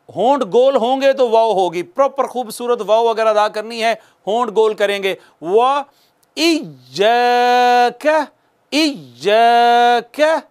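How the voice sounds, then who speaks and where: A man teaching Quran recitation, patiently correcting and chanting drawn-out demonstration words for students to repeat. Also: sits high. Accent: Pakistani Urdu. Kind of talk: recitation lesson with call-and-repeat.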